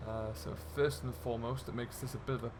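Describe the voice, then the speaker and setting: A British man hosts a farming game role-play as a farm contractor, giving casual commentary while chatting and thinking aloud as he works. He speaks fast in a mid-range voice with fairly even intonation. Vehicle and ambient noise are clearly heard in the background.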